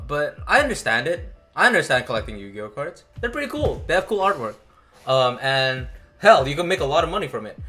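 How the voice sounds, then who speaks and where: A man's voice: fairly high pitch, pushed and bright. A man hosting a casual video, rambling and swearing with lots of fillers and restarts. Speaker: anime channel host. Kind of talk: casual ranking commentary.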